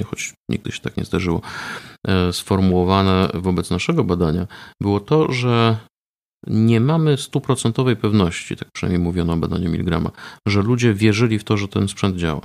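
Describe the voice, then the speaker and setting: A man being interviewed about research he ran, explaining in a measured way with frequent hesitation fillers. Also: low voice, creaky, a little mellow. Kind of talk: conversational interview.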